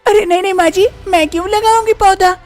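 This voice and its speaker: A woman voicing a young village daughter-in-law in an animated storybook cartoon, anxious and chattering, often muttering to herself. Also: extremely high pitch, fairly quick, pitched above the performer's own voice. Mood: flustered.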